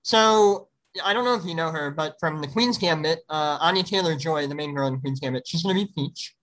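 A man's voice: a little high, brisk, fairly bright tone, low-quality recording. A young man hosting a casual podcast, upbeat and chatty with lots of fillers and laughter. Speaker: podcast host.

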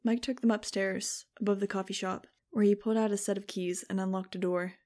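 A woman reading an audiobook aloud in steady scripted narration. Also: mid-range voice, a little fast. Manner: steady, even storytelling.

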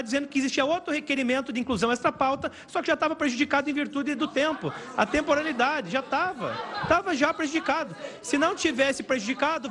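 A man chairing a heated parliamentary session, exasperated and talking over shouting. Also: very high voice. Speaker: committee chair. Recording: loud crowd noise in a chamber.

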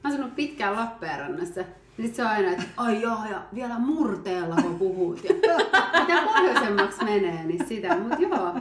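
A woman in her thirties chatting casually, telling lively anecdotes and acting out the voices of the people in them. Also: mid-range voice. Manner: animated storyteller, acts out voices in anecdotes. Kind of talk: casual chat. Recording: echoey room.

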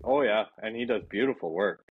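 A man's voice: fairly low pitch, a little fast, breathy edge, phone-quality sound. A man with a Canadian accent, a guest on a podcast, giving short, laid-back answers. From British Columbia, Canada. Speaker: guest, metal polisher. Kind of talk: casual podcast chat.

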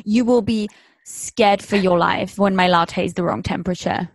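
A woman's voice: mid-range voice, moderate pace, no room sound. A woman from Switzerland hosting a podcast, chatting casually in a blunt, sarcastic way that is full of swearing. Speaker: podcast host. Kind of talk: casual chat.

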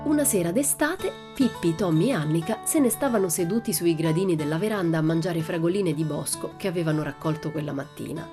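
A woman narrating a children's audiobook in a calm, measured, gently expressive manner. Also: fairly low pitch, over loud music. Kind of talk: storybook narration.

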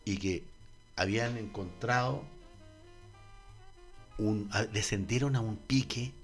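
A man's voice: on the low side, slow pace, soft background music. A man from Chile with a Chilean accent, telling an absurd comic story in a rambling, stammering, slangy way.

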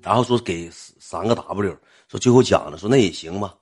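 A man with a Northeastern Chinese accent telling a comic story in a rambling, colloquial, animated way. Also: sits low, normal speed, slightly rough, faint music behind.

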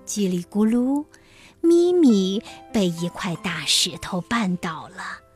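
A woman telling stories to young children, explaining things gently like a kindergarten teacher. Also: medium pitch, very animated, slow pace, breathy edge. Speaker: children's storyteller. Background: music.

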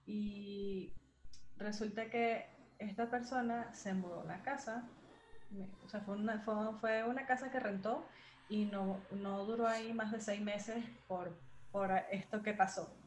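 A woman's voice: medium pitch, fairly even intonation, a little slow, reverberant, slight background noise. A young woman chatting casually, telling a ghost story with lots of fillers and slang.

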